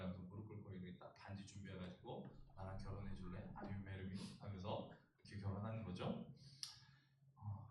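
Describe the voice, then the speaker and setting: A man's voice: fairly low pitch, background noise. A male pastor preaching a youth sermon, joking and asking the congregation questions. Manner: humorous, asks the congregation questions. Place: church sanctuary. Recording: echoey church hall, distant mic.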